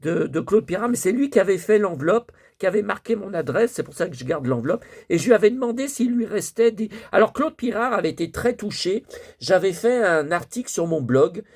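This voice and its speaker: A man's voice: sits high, expressive, fairly quick, darkish tone. A man in his fifties speaking as a collector and vlogger in a rambling, nostalgic monologue, hesitant and full of fillers, restarts and emotion. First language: French. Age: 50s.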